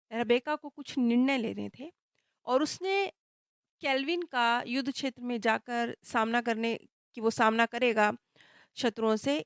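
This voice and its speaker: A woman narrating a past-life story in a calm, explanatory way, with slow, reflective pauses. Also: high voice, dry recording, clean studio sound. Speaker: spiritual storyteller.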